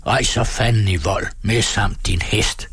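A man reading aloud and voicing a gruff, curt forest ranger man. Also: lowish voice, a bit bright, dry recording. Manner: curt and blunt. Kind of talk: dramatic reading.

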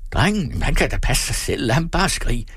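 A man's voice: mid-range voice, lively intonation, husky, dry recording, studio quality, pitched above the performer's own voice. A man voicing a fussy, anxious middle-aged man who fawns over his sister and stammers when flustered.

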